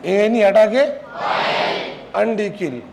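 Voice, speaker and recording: High-voiced man drilling a class. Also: slow pace, gravelly, a loud crowd. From Maharashtra, India. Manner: scolding, drilling students with repeated questions. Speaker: chemistry teacher. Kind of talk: classroom lecture. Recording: noisy classroom recording.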